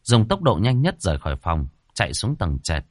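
A man narrating a horror fantasy novel as an audiobook with expressive, suspenseful storytelling. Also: on the low side, fairly quick, no room sound, studio quality.

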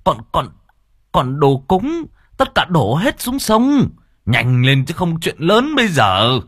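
A man voicing a frantic village messenger who shouts and stammers urgently. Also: a little high, wildly swooping pitch, takes it slowly, husky, no room sound, clean studio sound, voice pushed up, heavily acted. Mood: panicked.

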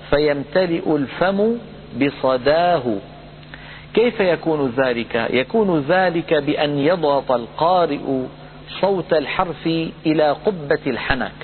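A man teaching Quran recitation rules, patiently repeating points and slowly chanting example words. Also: on the high side. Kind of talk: lesson on tajweed rules. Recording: phone-like audio with hum and reverb.

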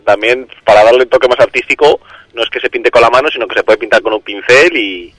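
Guy calling in on the phone, kinda hesitant, mid pitch, dry. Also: fast, a bit bright, no echo. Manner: hesitant, many restarts and fillers. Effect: heard over a phone line. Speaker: radio call-in listener. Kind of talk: casual call-in chat.

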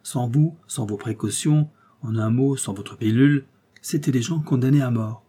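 A man's voice: medium pitch, moderate pace, mellow, slightly rough, close to an everyday voice. A man voicing a firm, approving police chief in an audiobook, speaking emphatically.

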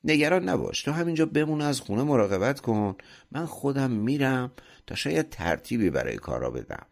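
A clever young farmhand from a folk tale, as a male narrator puts him on. He talks in a calm, sly, unhurried way, with a lively voice that rises and falls. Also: mid-range voice, creaky, voice pushed up. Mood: confident.

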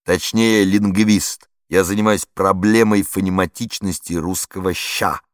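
A man's voice: low-pitched, steady tone, a little slow, no room sound, clean studio sound. A man reading an audiobook voicing a nervous, hungover former prison guard turned linguist, with flustered, increasingly frantic pleading.

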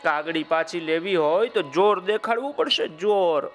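A man's voice: high-pitched, moderate pace, soft background music, lightly acted. A man voicing a bold young male crow who urges the others to show strength, in a children's story. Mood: defiant. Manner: forceful, rallying.

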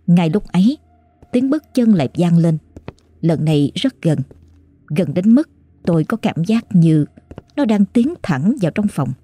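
Low-voiced woman narrating a horror story. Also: sing-song, a little slow, long pauses, dark tone, husky, no room sound. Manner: emotive, dramatic.

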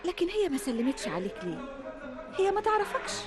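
A woman's voice: extremely high pitch, very animated. An actress with an Egyptian accent playing Fatma, a shy and teasing young woman, in a radio drama. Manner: playful and fast-talking. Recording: radio drama with fairground music and crowd. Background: music and crowd.

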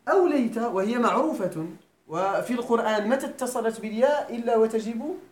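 A Moroccan-accented man lectures on Arabic grammar at a Quran school, his very high-pitched voice animated and brisk. He keeps quizzing students to confirm they follow, and the room's echo and faint background noise come through.

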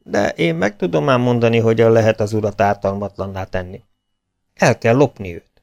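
A man's voice: on the low side, vocal fry, darkish tone. A man voicing a sly, red-faced schemer in a jockey cap who talks confidingly and conspiratorially.

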